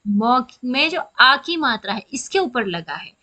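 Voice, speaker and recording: A woman's voice: a little high, sing-song, unhurried, sharp tone. A woman teaching grammar in a patient, explanatory way, asking questions and then answering them herself. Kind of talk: classroom explanation.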